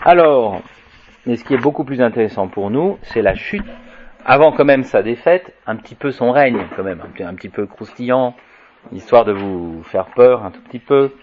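A man giving an informal lecture in a halting way, with restarts, filler tags and wry asides. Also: mid-range voice, expressive, slight background noise. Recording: dull lo-fi recording.

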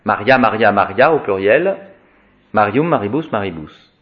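A man's voice: fairly low pitch, animated, normal speed, muffled recording. A man teaching Latin grammar, reciting word endings in a repetitive sing-song and explaining each form. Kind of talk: spoken grammar lesson.

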